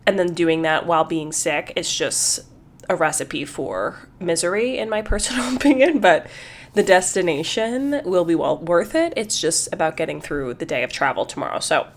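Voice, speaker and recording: A woman's voice: fairly low pitch, lively intonation, normal speed. A woman hosting her own podcast in casual solo talk, a little congested, chatty and repeating words as she thinks. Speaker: podcast host.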